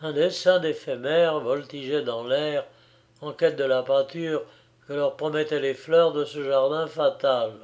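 A man narrating a literary audiobook in a measured, unhurried reading. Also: a little high, fairly even intonation, darkish tone.

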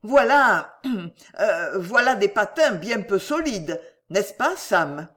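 A woman voicing a timid young gentleman panicking on ice skates, pleading and stammering. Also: mid-range voice, very animated, normal speed, close to an everyday voice.

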